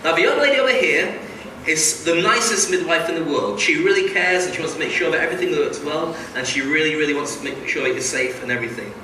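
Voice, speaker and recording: A man's voice: a little high, quick pace. A man hosting a live comedy hypnosis show on stage, teasing volunteers with questions and repeating their answers and his instructions. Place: large indoor theatre stage with audience. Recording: echoey noisy theatre, distant sound.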